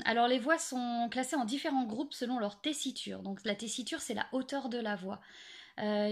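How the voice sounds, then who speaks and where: A young woman explaining singing basics in a casual, hesitant way, full of pauses and fillers. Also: on the high side. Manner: hesitant, many fillers and restarts. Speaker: singing teacher. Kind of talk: casual spoken singing tips.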